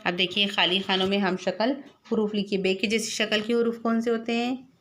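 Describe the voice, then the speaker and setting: A woman's voice: mid-range voice, fairly even intonation, a little fast, fairly bright tone. A woman teacher patiently spelling out letters one by one for young children and quizzing them as she goes. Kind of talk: slow classroom lesson.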